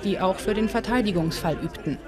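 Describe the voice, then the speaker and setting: Calm and informative, a woman's medium-pitched voice narrates a documentary in measured fashion, recorded as voice-over with music in the background.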